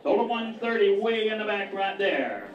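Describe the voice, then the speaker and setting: A man auctioneering at a cake auction, rattling off bids in a rapid rhythmic chant. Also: high voice, big pitch swings. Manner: rapid rhythmic bid calling. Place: large community hall with crowd. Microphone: handheld mic, heard from far. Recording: roomy distant lo-fi hall recording with crowd.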